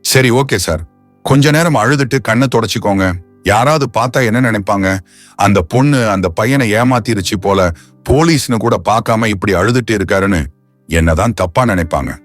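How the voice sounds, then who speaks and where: A man voicing a caring, teasing young woman who coaxes and gently scolds in an audio novel. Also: on the low side, moderate pace, faint music behind, pitched above the performer's own voice, lightly acted. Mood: coaxing.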